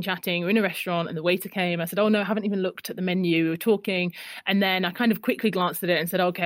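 A woman's voice: fairly low pitch, dry recording. Chatty woman podcast host, dry sound. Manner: chatty, storytelling, repeats words. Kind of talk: casual interview chat.

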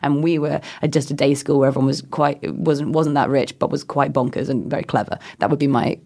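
A woman's voice: extremely low pitch, fairly even intonation, a little fast, warm tone. A woman with a modern British Received Pronunciation accent, chatting reflectively in a hesitant, self-deprecating, digressive way as an interview guest. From England. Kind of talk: casual reflective conversation.

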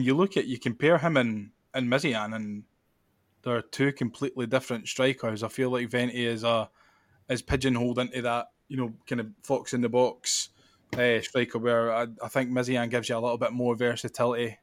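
A man's voice: mid-range voice, no echo, clean studio sound. A man with a Scottish accent hosting a podcast, chatting casually about football. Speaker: podcast host.

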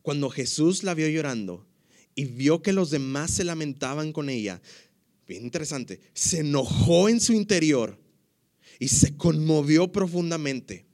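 A man preaching a sermon. He reads scripture expressively and drops to a hushed voice when he prays. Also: on the high side, a little slow. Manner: expressive reading, hushed in prayer. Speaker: pastor.

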